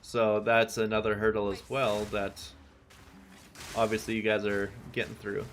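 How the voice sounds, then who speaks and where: This man, a native English speaker on the low side in pitch, keeps a level tone and measured pace while gaming on stream. He chats casually with his viewers, rambling easily in between callouts.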